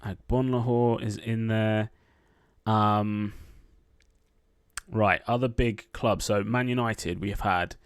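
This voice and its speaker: A man's voice: on the low side, steady tone, takes it slowly, clear, resonant tone, no echo. A man playing an online quiz, thinking aloud and muttering guesses with frequent ums. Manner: muttering names half to himself, lots of ums. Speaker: quiz gameplay streamer. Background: keyboard typing.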